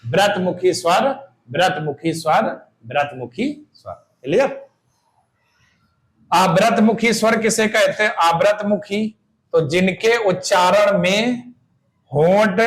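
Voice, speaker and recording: A man with a high voice teaches an exam-prep grammar lesson at an unhurried pace. He drills vowel sounds aloud and repeats each key term, asking his own questions and answering them. The sound is roomy and echoey. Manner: asks questions and answers them himself, checking "clear?".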